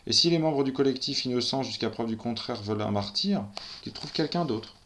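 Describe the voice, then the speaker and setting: A man's voice: medium pitch, a little fast, a bit bright, a little hiss or hum. A man reading a first-person story aloud in a tense, breathless storytelling manner. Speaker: narrator.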